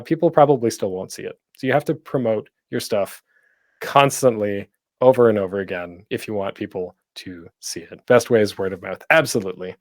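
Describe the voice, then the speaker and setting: A man with a medium-pitched voice, recorded at studio quality without echo, hosts an informal online panel from home. He's a podcaster giving tips, speaking conversationally and thinking out loud as he presents.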